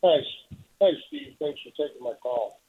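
A male caller talking on a speakerphone, polite and halting with many fillers. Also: mid-range voice, breathy edge, no echo. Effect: on speakerphone over a phone line. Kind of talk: call-in radio chat. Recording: tinny phone line, speakerphone.

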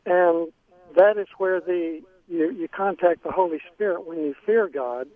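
A man's voice: sits high, a little slow, dry recording. A man calling in to a radio show, speaking hesitantly with many ums and restarts. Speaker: caller. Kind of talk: phone-in question. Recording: tinny phone line.

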